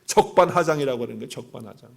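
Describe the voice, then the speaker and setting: A male pastor giving a sermon at a livestreamed church service. He preaches with animated swings from loud exclamations to quiet asides, asks the congregation questions and acts out quotes. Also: medium pitch, racing, gravelly, slightly rough.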